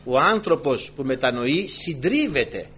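Animated preaching man, lively pitch. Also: breathy edge, soft background music. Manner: animated storytelling with many asides. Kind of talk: sermon to a congregation.

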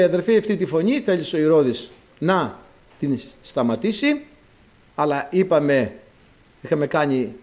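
A man preaching a sermon, dramatic, swinging between loud exclamations and low asides.

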